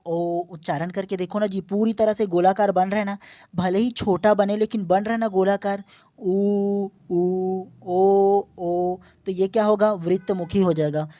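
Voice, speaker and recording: A man's voice: sits high, warm tone, no room sound. A man teaching an online exam-prep language lesson, explaining patiently, stretching out example vowel sounds and often checking in with his students. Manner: checks in often with short "okay?" tags.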